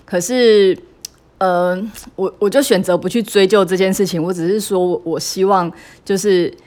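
A woman's voice: medium pitch, fairly even intonation, moderate pace, darkish tone. A woman, telling a personal parenting story in a hesitant, confessional way, full of fillers and restarts. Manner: emotional and confessional, with laughs. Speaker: mother sharing a parenting story.

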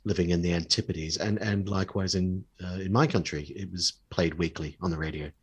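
Low, husky man from New Zealand; hesitant, halting casual talk. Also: steady tone. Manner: hesitant, many ums and restarts. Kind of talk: casual chat about old comedy.

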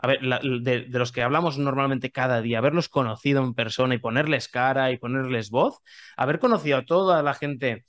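A man's voice: mid-range voice, brisk, fairly bright tone. Chatty Spanish-speaking podcast co-host man. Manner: chatty, promotes the show with self-aware humor. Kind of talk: casual podcast chat.

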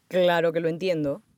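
A young woman playing an excitable fan who rambles, shrieks, swears and breaks into song in an audio story. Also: fairly low pitch, no room sound, close to an everyday voice. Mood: baffled arguing.

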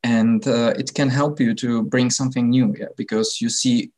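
A man's voice: medium pitch, fairly even intonation, moderate pace, darkish tone. A thirty-year-old man with a Czech accent, a non-native speaker explaining things in an unscripted interview and often searching for words. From Czech Republic. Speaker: interview guest, technology innovator.

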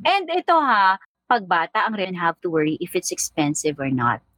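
Lively storytelling woman, dry sound. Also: on the low side, normal speed, dry recording. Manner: lively storytelling, mixing Tagalog and English. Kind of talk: casual chat.

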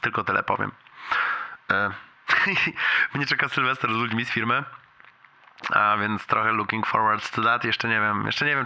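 A man's voice: fairly low pitch, sharp tone. A young adult man leaving a casual, confiding, slangy voicemail for a friend. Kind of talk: casual rambling personal voicemail.

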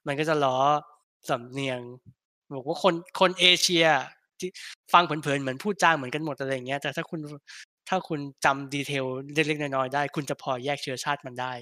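A man co-hosting a casual film podcast, talking bluntly with crude slang and many halting restarts. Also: medium pitch, fairly even intonation, bright, forceful tone, dry recording, studio quality. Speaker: podcast co-host.

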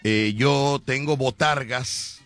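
A man's voice: mid-range voice, slow, soft background music. A man hosting a comic radio show with a Mexican accent, joking and laughing as he teases. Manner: joking, laughing, animated teasing. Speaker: radio comedy host.

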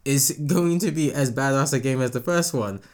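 A man's voice: mid-range voice, moderate pace. A man hosting a casual gaming podcast, joking and laughing a lot. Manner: animated, laughs often, teasing. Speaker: podcast host. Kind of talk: casual chat.

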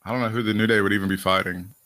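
A man's voice: on the low side, very fast. A man co-hosting a podcast, chatting casually about wrestling with frequent laughs and swearing. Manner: animated, swearing, laughing often. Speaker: podcast co-host.

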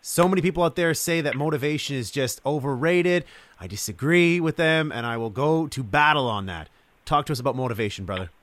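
A man's voice: on the high side, lively intonation, brisk, a bit bright, dry recording. Male podcast host, pumped up and effusive, dry close sound. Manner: hyped, calls guest "man" and "brother". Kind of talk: enthusiastic podcast interview.

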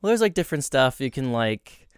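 A man's voice: medium pitch, very animated, a little fast, smooth, no room sound, studio quality. A man co-hosting a podcast in casual, conversational chat. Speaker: podcast co-host.

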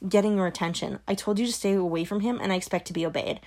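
A woman voicing a cold, controlling middle-aged mother in an audiobook, her words sharp and brittle. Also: mid-range voice, very fast, lightly acted. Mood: venomous. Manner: sharp, brittle, dropping to a hiss. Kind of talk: audiobook character voice.

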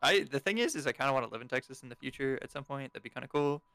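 A man's voice: medium pitch, lively intonation, racing, sharp tone, clear, resonant tone, no room sound. A young man from Florida in a casual group chat, making sarcastic quips.

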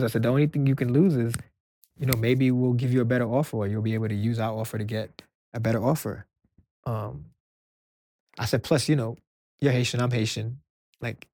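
A soft-spoken man from Brooklyn, a music executive guest, telling stories in an interview and acting out the dialogue. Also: medium pitch, no room sound. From Brooklyn, New York. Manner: animated storyteller acting out quoted dialogue. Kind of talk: storytelling interview answers.

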